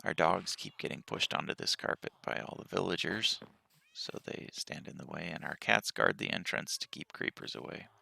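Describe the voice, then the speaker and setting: A man giving a relaxed tour of his game world with a just-woken-up morning voice, pausing often and speaking softly. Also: sits low, gravelly. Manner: relaxed walkthrough with frequent pauses and fillers. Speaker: game player.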